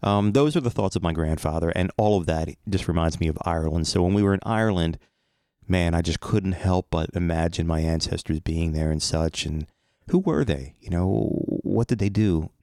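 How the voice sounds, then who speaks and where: A man's voice: deep voice, normal speed, warm tone, no echo, studio quality. A man with an American accent hosting a podcast in a casual, earnest, reflective monologue. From United States. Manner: conversational, earnest. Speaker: podcast host.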